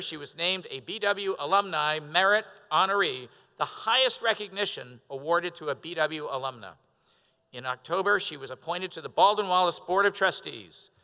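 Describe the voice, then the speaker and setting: Man, ceremony emcee, tense bright voice, long hall reverb. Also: fairly high pitch, expressive, moderate pace. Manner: formal, announcing. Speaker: master of ceremonies. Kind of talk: formal introduction. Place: large hall.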